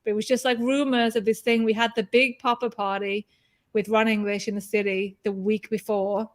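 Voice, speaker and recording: A woman's voice: on the high side, level tone. Chatty woman hosting a live stream. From not from the city where she lives. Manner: chatty, storytelling, quick asides. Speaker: magazine co-founder and live stream host. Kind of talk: casual chat.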